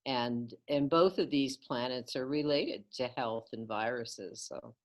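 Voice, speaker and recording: A middle-aged woman, an astrologer, speaking in a slow, halting, thoughtful way. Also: extremely low pitch. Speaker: astrologer co-host. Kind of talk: casual conversation.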